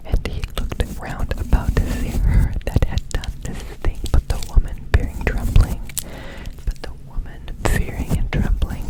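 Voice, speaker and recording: Brief: ASMR scripture reader, breathy whisper doubled with a layered second whisper, repeats lines back softly. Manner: soft unvoiced whisper, echoing phrases back in repeats. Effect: whisper doubled by a layered whisper track.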